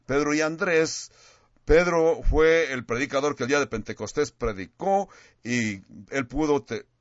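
A man's voice: fairly high pitch, measured pace, no room sound. Emphatic man preaching, dull lo-fi sound. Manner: emphatic, stresses words and repeats phrases for effect; restarts words mid-sentence. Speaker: pastor. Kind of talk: sermon.

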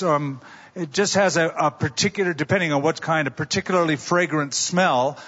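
A pastor delivering a sermon at a pulpit microphone, telling stories in a conversational way and asking rhetorical questions. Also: male voice, a little high, a bit bright, big-room sound, dull audio.

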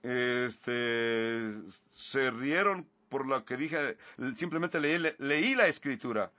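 Bright-voiced preacher. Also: male voice, medium pitch, lively intonation, takes it slowly, no room sound. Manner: earnest, retells scripture with asides. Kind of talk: sermon. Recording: slightly muffled recording.

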